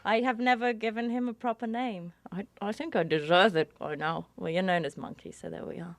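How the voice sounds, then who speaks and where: A woman's voice: medium pitch, fairly even intonation, brisk, gravelly, dry recording, natural voice. A sardonic male monkey puppet, teasing everyone around him, voiced by a woman. The voice sits mid-range and the sound is dry and close, with no room around it. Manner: sarcastic, teasing.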